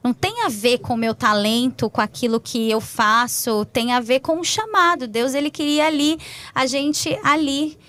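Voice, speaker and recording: A Brazilian woman pastor with a Brazilian Portuguese accent, chatting in a lively testimony style and acting out quoted dialogue. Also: sits high, moderate pace, no echo. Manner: animated storytelling, acts out quoted dialogue, frequent tag questions. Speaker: pastor and podcast host. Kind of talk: casual faith testimony chat.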